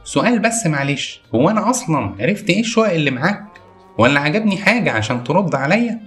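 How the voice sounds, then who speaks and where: A man's voice: a little high, big pitch swings, fast, fairly bright tone. A man with an Egyptian accent acting as an increasingly exasperated apartment seeker in a comedy sketch. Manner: exasperated, indignant client.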